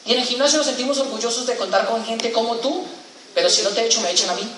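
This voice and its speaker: A man's voice: very high voice, fast talker, noisy background. A politely apologetic gym boss, as a Colombian comedian puts him on, a grown man speaking in a courteous, regretful tone. He is heard through a hall with heavy reverb, from a mic set some way off. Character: polite gym boss, middle-aged man letting an employee go. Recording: very echoey hall, mic from a distance.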